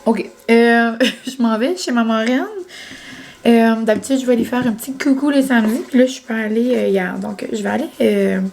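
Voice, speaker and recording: A woman's voice: on the high side, fairly even intonation, normal speed, creaky, a little mellow. A young woman chatting casually to her vlog audience, with many fillers and English words. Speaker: vlogger. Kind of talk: casual vlog chat to camera.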